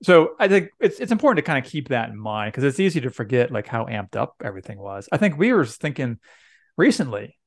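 A man's voice: mid-range voice, sing-song, fairly quick, dry recording, studio quality. A middle-aged man, a pastor co-hosting a podcast, talking casually with lots of fillers and easy laughs. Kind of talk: casual chat.

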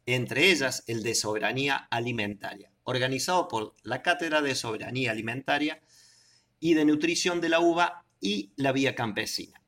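A man's voice: medium pitch, normal speed, fairly bright tone. Argentine man narrating a news report. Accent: Argentine Spanish. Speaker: radio reporter.

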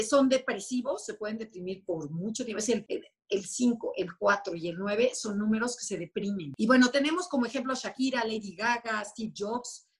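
A woman explaining personality types in a lively, conversational way, often acting out little quoted voices. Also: a little high, breathy edge. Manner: animated, acts out quoted voices. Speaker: enneagram expert guest.

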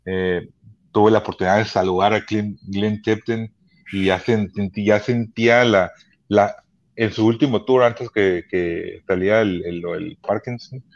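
A man, telling concert stories as a podcast guest in a casual, profane, animated way. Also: on the low side, a little slow, dull audio. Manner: profane, animated, many restarts. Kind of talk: casual storytelling chat. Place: Chula Vista hospital.

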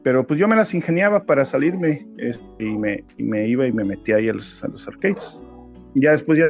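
A man with a Mexican accent, telling stories in relaxed casual chat. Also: mid-range voice, brisk, creaky, faint music behind. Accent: Mexican Spanish. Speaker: podcast co-host. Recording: dull lo-fi sound.

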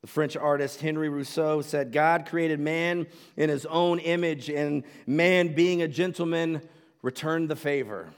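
A man preaching from the pulpit, with a voice sitting a little high for a man. He talks earnestly, stumbles into restarts and repeats, then swells into loud, emphatic declarations. His voice carries a long reverb, as if filling a big sanctuary. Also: fairly even intonation, unhurried, smooth. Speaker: pastor. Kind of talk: sermon.

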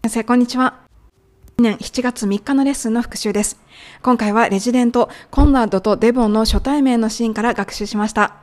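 A woman whose native language is Japanese, hosting an English lesson podcast, explaining and slowly modeling English phrases. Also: a little high, steady tone. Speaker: English teacher.

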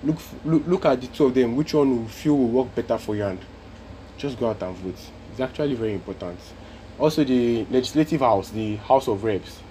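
Nigerian man, low voice, casual podcast talk. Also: dark tone, a little hiss or hum, poor audio. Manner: earnest, repeats points for emphasis. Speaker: podcast host.

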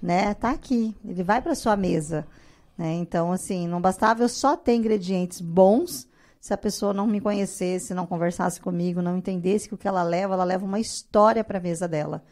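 A woman's voice: on the low side, fairly quick. A woman in her thirties from Brazil, a guest on a casual podcast, telling stories and acting out quotes in a raised voice. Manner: animated storyteller, acts out quotes in a raised voice. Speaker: guest, artisan biscuit maker.

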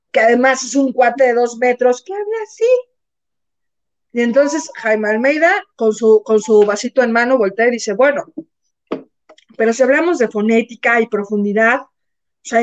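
A Mexican woman hosting a casual gossip chat, telling stories with acted-out quotes and casual swearing. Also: on the high side. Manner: animated storyteller, acts out quotes, swears casually. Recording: slightly dull, lo-fi sound.

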